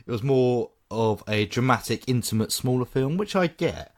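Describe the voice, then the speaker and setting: A man co-hosting a podcast, giving opinionated, animated takes in casual film chat. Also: mid-range voice, moderate pace. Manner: opinionated, animated, laughs often. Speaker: podcast co-host.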